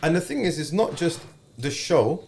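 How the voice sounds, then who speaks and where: A man's voice: a little high, big pitch swings, moderate pace, creaky, a little mellow, slight background noise. A man with an urban London roadman accent talking casually as a podcast host, using street slang and often checking that he is understood.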